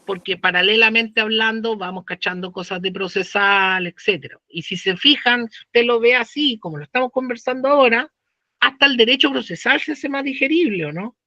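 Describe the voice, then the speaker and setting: A man's voice: sits high, a little fast, sharp tone, dry recording, highs cut off. A man with a Chilean accent teaching law, talking casually with slang and asking the class questions. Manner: conversational, uses slang and rhetorical questions. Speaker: law professor. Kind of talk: lecture.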